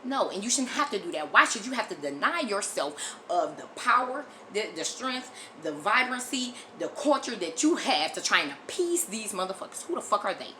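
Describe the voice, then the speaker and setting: A woman's voice: mid-range voice, sing-song, normal speed, sharp tone, a little hiss or hum. An American woman delivering an impassioned, blunt opinion monologue as a video commentator, emphatic and repeating phrases for force, often swearing. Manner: frequent swearing.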